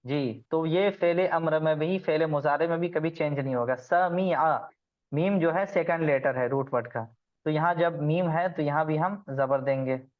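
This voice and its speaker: A man's voice: on the high side, unhurried, lo-fi sound. Man teaching Arabic grammar online. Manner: patient, explains step by step and quizzes students. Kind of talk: online class lesson.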